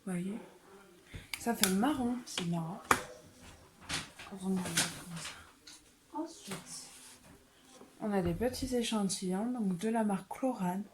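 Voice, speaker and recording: A woman vlogger chatting casually through a beauty haul, soft-spoken and often slipping into a whisper. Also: mid-range voice, slow, long pauses, background noise. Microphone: phone.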